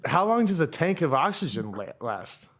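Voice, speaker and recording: A man hosting an interview, relaxed and conversational, with short back-channel replies. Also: fairly high pitch, moderate pace. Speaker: podcast host. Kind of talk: casual interview chat.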